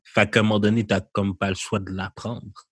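A young man with a Québécois accent talks casually in a low voice that sits close to the mic with no room sound around it. He is animated and quick to laugh. He mixes English phrases into his French. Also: breathy edge, no echo. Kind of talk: casual chat.

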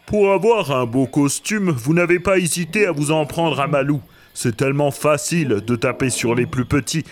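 Guy doing a stern old elephant elder, slow and grave. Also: fairly high pitch, natural voice.

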